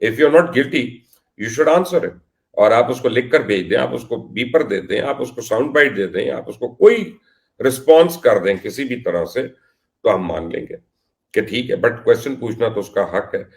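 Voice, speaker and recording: A man's voice: medium pitch, animated, vocal fry. A man from Pakistan hosting an investigative cricket commentary vlog, speaking emphatically and in a confrontational, accusatory way.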